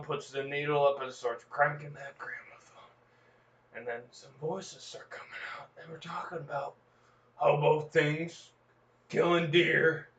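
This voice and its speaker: A man's voice: on the high side, fairly bright tone. A podcast host voicing a young frontier farm boy who spins a rambling tall tale in an exaggerated Old West drawl. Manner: folksy rambling yarn with gasps and exclamations. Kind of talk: comedic improvised storytelling. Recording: echoey, lo-fi, distant mic.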